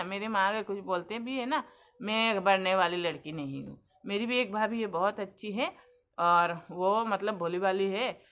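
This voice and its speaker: A woman's voice: mid-range voice, pushed and bright. A young adult woman vlogger giving earnest, preachy advice to her viewers in a casual monologue.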